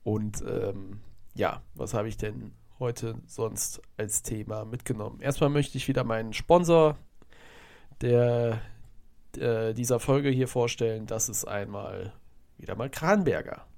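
This man speaks a little slowly in a fairly low, gravelly voice with a darkish tone. Hosting a casual solo podcast with a cold-stuffed nose, he rambles through a football recap and keeps correcting himself.

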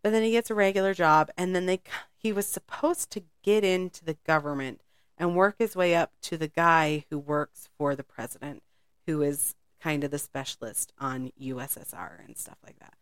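A woman's voice: low voice, steady tone, normal speed, smooth, dry recording, studio quality. A woman co-hosting a podcast, telling a spy story in a rambling, casual way and laughing often. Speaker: podcast co-host.

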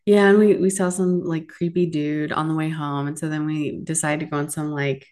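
Lower-voiced woman in her forties. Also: flat delivery, darkish tone. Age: 40s. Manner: quick, laughing storytelling. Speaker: podcast co-host. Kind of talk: casual chat.

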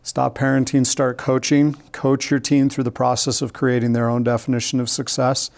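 A man's voice: medium pitch, flat delivery, normal speed, gravelly, darkish tone. Upbeat middle-aged man explaining at length. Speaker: podcast co-host. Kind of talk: casual podcast chat.

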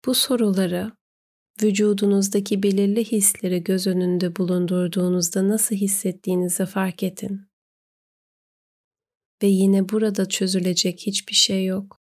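Woman doing guided meditation, gentle and unhurried, pretty flat steady tone, leaves pauses. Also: medium pitch.

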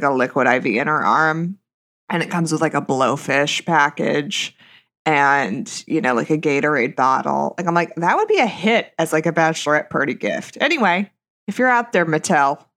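A woman in her thirties with vocal fry, hosting a casual solo monologue in a blunt, sarcastic, gossipy way. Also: deep voice. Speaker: podcast host.

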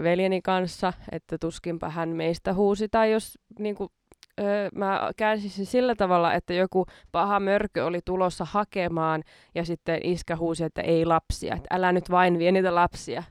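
A woman's voice: lowish voice, clean tone, dry recording, clean studio sound. A woman hosting a podcast in casual chat, self-mocking and laughing often between her words. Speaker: podcast host.

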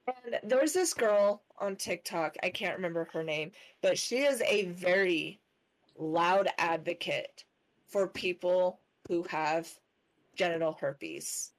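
A woman's voice: lowish voice, slow pace. A woman in a casual podcast chat, sharing practical tips in a chatty way.

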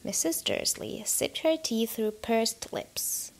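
A woman narrating a story aloud in a whispered role-play, soft and unhurried. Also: on the high side, creaky. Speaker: audiobook narrator.

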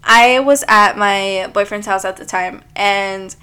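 A woman's voice: mid-range voice, slow pace, sharp tone, clean tone. A young woman hosting a solo podcast, talking in a chatty, confessional way with plenty of filler words. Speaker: podcast host. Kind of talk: casual solo podcast monologue.

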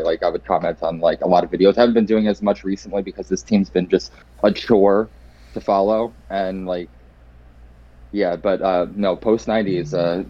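A man's voice: low voice, dark tone, husky. A man co-hosting a fan podcast, chatty and leaning hard on "like", recorded on a dull lo-fi mic. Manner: chatty, heavy use of "like". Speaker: podcast co-host. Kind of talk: casual chat.

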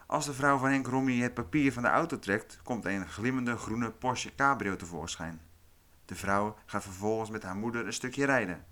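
A man narrates a true-crime podcast from a script, calm and measured. His voice sits in an ordinary middle pitch. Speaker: podcast host.

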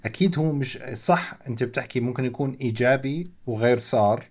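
A man's voice: mid-range voice, fast, a little mellow. A man with a Levantine Arabic accent hosting a podcast, questioning and pushing back on his guest's points. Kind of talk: conversational interview.

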